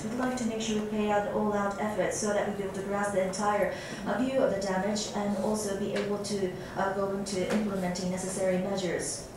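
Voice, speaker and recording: Woman doing live simultaneous interpreting at a press conference, keeps going through the ums, sounds far away and hissy. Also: mid-range voice. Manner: steady, with frequent uh and um fillers and self-corrections. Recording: echoey, distant, noisy clip played back in a lecture room.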